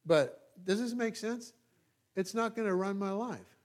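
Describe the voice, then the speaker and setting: A high-voiced pastor from California, United States, with a Californian American accent, gives an informal, conversational sermon. He's folksy and self-deprecating, often halting to check in with his listeners.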